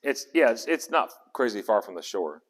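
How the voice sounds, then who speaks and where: A man with a lowish, very animated voice speaks at a moderate pace, teaching an interactive Bible study in a conversational way. He puts questions to his group and sometimes restarts words. The recording carries the long echo of a hall.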